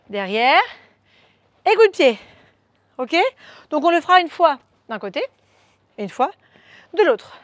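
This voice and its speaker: High-voiced upbeat fitness coach. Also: female voice, no room sound. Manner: upbeat, coaxing, chatty, counts moves aloud. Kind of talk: guided workout instruction.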